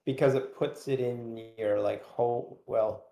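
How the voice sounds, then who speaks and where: A man's voice: medium pitch, fairly even intonation, slow, creaky, warm tone, reverberant. A man as guest expert explaining technical details casually, hedging with fillers.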